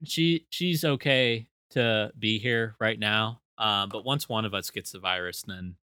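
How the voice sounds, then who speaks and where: Bright-voiced man hosting a podcast. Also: lowish voice, a little slow, smooth, no room sound, clean studio sound. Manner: rambling, joking, plugs socials. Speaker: podcast co-host. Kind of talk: casual chat.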